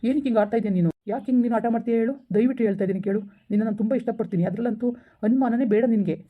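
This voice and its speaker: Skit: woman playing a pleading boyfriend, rapid-fire talk through a tinny phone line. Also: on the high side, close to an everyday voice. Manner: pleading, explaining over and over. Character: pleading young man, apologetic boyfriend. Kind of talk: village skit phone-call acting.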